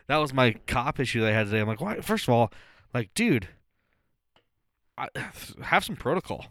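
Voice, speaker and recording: A man's voice: medium pitch, moderate pace, dry recording. Thirtysomething guy cohosting a podcast, cussing through a story, voice jumps all over, dry mic. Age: 30s. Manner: animated, profane storytelling. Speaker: podcast co-host. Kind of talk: casual chat.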